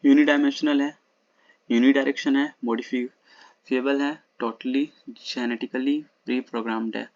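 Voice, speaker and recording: At home at night, a man runs a casual lesson on old exam questions as an exam-prep teacher, reading the English slowly and explaining quickly in Hindi. His mid-range, darkish voice has fairly even intonation, and the audio is dull with no echo.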